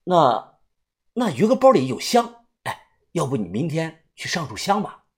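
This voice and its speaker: A woman doing a blunt young man, low and husky. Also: sing-song, moderate pace, exaggerated voice. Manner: blunt, scolding. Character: gruff young male narrator, blunt and knowing. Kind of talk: audiobook character voice.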